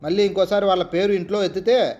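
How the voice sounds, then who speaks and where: A man with a high voice voicing an angry, controlling father in a storybook reading, harsh and scolding. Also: level tone, quick pace, dull audio, faint music behind, close to an everyday voice. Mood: furious. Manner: shouting, harsh.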